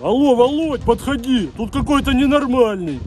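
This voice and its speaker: A man playing a gruff, impatient prison policeman in a comedy sketch, speaking in a curt, scolding way. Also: very high voice, lively intonation, moderate pace, a little mellow, faint music behind. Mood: irritated.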